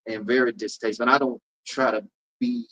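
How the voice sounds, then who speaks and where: Animated comedian man riffing emphatically. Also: medium pitch, brisk, rough recording. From Polk County, Florida. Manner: animated, emphatic storytelling with repeated riffs. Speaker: comedian and event host. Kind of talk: casual interview talk.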